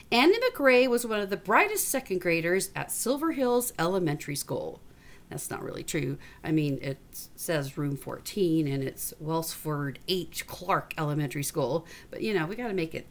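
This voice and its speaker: Seated at a little desk in a small space away from school, a woman who teaches elementary school reads a storybook aloud, adding folksy, informal asides and encouragement. Her voice is mid-range, with a slight hiss or hum on the recording.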